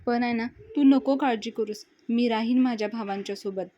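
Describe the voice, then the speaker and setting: A woman's voice: fairly high pitch, normal speed, muffled recording, close to an everyday voice. A woman voicing a tearful, apologetic young man in grief. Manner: tearful, soft.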